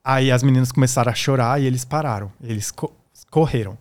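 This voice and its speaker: A man's voice: medium pitch, a little fast, darkish tone. A man, a guest musician, telling a personal story in a casual way and acting out the voices of the people in it. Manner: acts out the voices in his stories.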